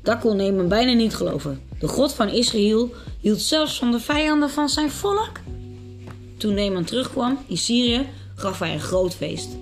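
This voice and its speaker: A woman calmly and clearly reading children's Bible stories and picture books aloud. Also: fairly high pitch, moderate pace. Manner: calm, clear storybook reading. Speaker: storyteller. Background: faint music.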